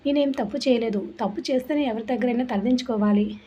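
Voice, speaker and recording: A proud, arrogant young man who answers slowly and calmly, refusing to back down, as a woman storyteller puts him on. The tone is mellow and fairly high, and the audio is dull and lo-fi with a light hiss. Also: slightly rough. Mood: defiant. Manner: slow, calm and unyielding. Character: proud, arrogant young husband, calm and defiant. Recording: muffled lo-fi with faint hiss.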